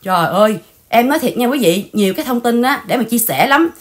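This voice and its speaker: A woman hosting a casual livestream chat, animated and repetitive, speaking straight to her viewers. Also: on the high side, quick pace. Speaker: channel host.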